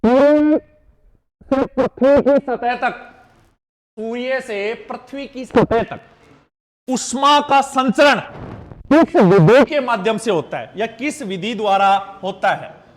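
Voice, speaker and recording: High-pitched man quizzing his class. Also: takes it slowly. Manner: quizzes students with repeated questions, calls them beta; jokey wordplay mnemonics. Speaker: teacher. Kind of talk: live online exam-prep class.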